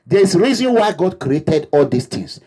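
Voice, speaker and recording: Outside his home country, a Nigerian activist leader gives a fervent, repetitive, preacher-like address to his supporters. His high, mellow, husky voice moves at a moderate pace with big swings in pitch.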